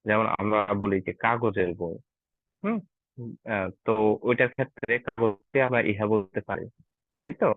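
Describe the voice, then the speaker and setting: A man's voice: fairly low pitch, normal speed, long pauses, no echo. A man teaching an online German class to Bengali speakers. He is patient and often checks that his learners follow. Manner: patient, asks learners "ঠিক আছে?" often. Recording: tinny, dry online call audio.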